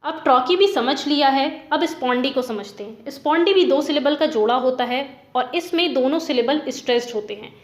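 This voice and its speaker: A woman's voice: sits high, fairly quick, hardly any pauses, reverberant. A woman teacher explaining literary terms step by step, repeating points and giving examples.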